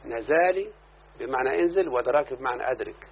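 A man's voice: mid-range voice, lively intonation, quick pace, slightly rough. A man with an Egyptian accent teaching a grammar lesson, explaining verses and checking in with his student. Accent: Egyptian Arabic. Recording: lo-fi phone-like recording with faint hiss.

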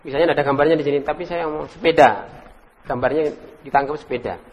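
A man leads an Arabic class. He quizzes students one by one, praises their answers and draws out the drill words slowly. His voice sits fairly high for a man, and it rings in a hall with a long echo. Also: highs cut off. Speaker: Islamic teacher leading an Arabic class. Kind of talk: interactive classroom lesson. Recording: reverberant room recording.

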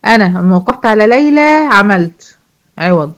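A woman with an Egyptian accent teaching tajweed, explaining rules in casual speech and reciting verse examples slowly. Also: medium pitch, animated. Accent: Egyptian Arabic. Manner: asks students questions and answers them herself.

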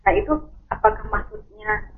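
A woman caller on a phone line that keeps breaking up and cutting out, asking her question hesitantly with many fillers. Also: moderate pace. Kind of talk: call-in question to a preacher. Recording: dull lo-fi phone line with faint hiss.

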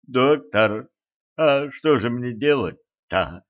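A man voicing a panicky, indignant man who shouts and whines in disbelief, in a dull lo-fi recording. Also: medium pitch, expressive, slow. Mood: whining, aghast. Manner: shouting, whining, outraged.

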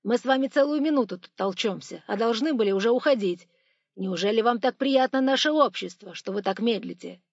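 Audiobook villain: a woman voicing a threatening male robber, loud, dry lo-fi sound. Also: medium pitch, steady tone, a little slow, gravelly, no room sound. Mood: menacing. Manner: shouting, threatening. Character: stern masked male robber, menacing.

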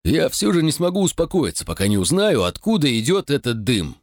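A man reading aloud, voicing a calm soldier who speaks in a measured, peaceable way in an audiobook. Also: fairly high pitch, dry recording, clean studio sound, voice pushed up. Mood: thoughtful.

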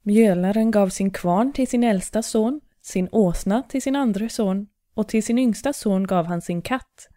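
A woman calmly narrating a classic fairy tale as a storybook reading. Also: mid-range voice, hardly any pauses, no room sound, studio quality. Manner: calm, even storytelling.

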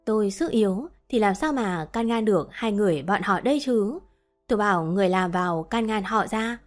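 A young adult woman narrating a romance story in the first person, in an even, gentle way. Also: medium pitch, fairly quick. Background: faint background music.

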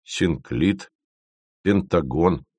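A man's voice: low-pitched, a little mellow, no echo, full character voice. A man reading an audiobook voices a cautious, shy boy who speaks carefully. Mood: measured. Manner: careful, measured.

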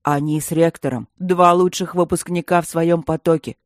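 A man voicing a rowdy, mocking male stone gargoyle who speaks loudly and low. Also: steady tone, normal speed, no room sound, clean studio sound, natural voice. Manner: loud, deep and mocking.

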